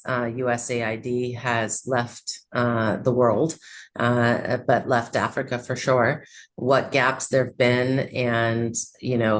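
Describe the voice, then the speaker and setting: A man's voice: mid-range voice, fairly bright tone. A man moderating an online panel, asking questions in a conversational way with many fillers. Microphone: video call.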